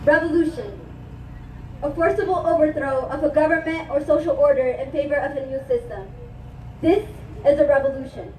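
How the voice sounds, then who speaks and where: A woman's voice: high voice, fairly even intonation, normal speed. A young woman from Ethiopia giving an impassioned spoken-word speech as a student speaker at an outdoor protest rally. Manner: impassioned, declamatory. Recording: echoey, distant, noisy outdoor livestream.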